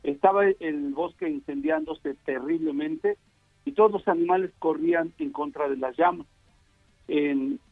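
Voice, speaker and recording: A man's voice: fairly high pitch, measured pace, creaky, no echo, faint music behind. A man, a comedian, animatedly telling jokes and stories. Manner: animated storyteller, voices many characters. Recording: tinny phone line.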